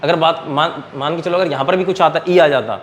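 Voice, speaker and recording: Male chemistry tutor, classroom lecture, slightly raised pitch, quizzing students, quiet background noise. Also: fairly quick. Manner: quizzes students and answers his own questions; calls students "beta". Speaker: chemistry teacher.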